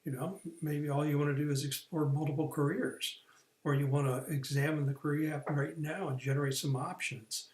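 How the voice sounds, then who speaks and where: A man's voice: fairly high pitch, flat delivery, brisk, darkish tone. Man explaining a career course, echoey room. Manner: explanatory, with fillers and restarts. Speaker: career coach. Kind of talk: recorded online training lesson.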